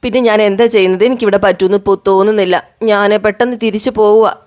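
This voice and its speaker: A woman's voice: mid-range voice, fairly even intonation, very fast, a little mellow, close to an everyday voice. A woman voicing a snobbish middle-aged woman who sneers at her surroundings and schemes for money. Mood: haughty.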